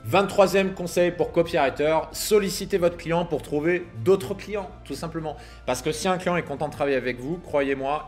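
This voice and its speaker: Punchy man giving slangy business advice. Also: mid-range voice. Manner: punchy and emphatic, slangy with occasional swearing. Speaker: business coach for copywriters. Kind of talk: casual advice monologue to camera. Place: outdoors at sunset. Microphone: camera filming himself.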